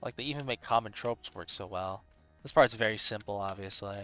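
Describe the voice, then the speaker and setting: A man giving casual gameplay commentary, excitable and laid-back, full of swearing and surfer-bro slang. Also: lowish voice, brisk, soft background music. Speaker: gaming video host.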